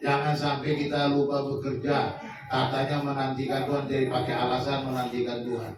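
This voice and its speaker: A man's voice: mid-range voice, completely flat delivery, a little fast, noisy background. A man preaching a sermon, joking and acting out little everyday scenes. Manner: humorous, acts out little scenes in voices. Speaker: pastor. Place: large church hall. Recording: echoey church hall, mic at a distance.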